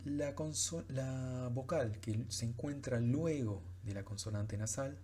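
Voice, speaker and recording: A male teacher walks through a pronunciation lesson in a patient, step-by-step way. His voice is dark and a little husky, middle-pitched, and he often pauses on fillers as he explains. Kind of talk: recorded lecture on French pronunciation.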